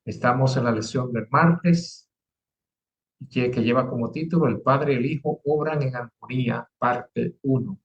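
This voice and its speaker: A man with a Dominican Spanish accent leading a Bible lesson, reading quotations in a measured way. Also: mid-range voice, muffled recording. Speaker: Bible study co-host.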